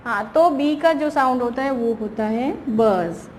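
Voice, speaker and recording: Woman teacher for a recorded young-kids class, high and patient, reverberant room. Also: a little mellow. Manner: patient, asks and answers her own questions; reads English lines slowly, explains in Hindi. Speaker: primary school teacher. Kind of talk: recorded online class lesson. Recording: reverberant room, faint background noise.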